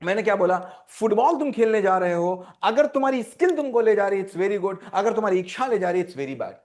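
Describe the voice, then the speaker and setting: High-voiced man coaching teens. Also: fairly quick. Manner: animated, repeats lines for emphasis, mixes Hindi and English. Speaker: parenting mentor and life coach. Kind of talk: motivational talk to teens. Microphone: online session.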